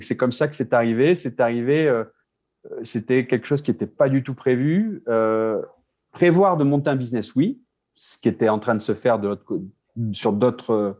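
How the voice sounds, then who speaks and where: A man's voice: medium pitch, darkish tone. A man from France, a business co-founder, talking casually as an interview guest, with many restarts and repeated words. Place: Mexico City.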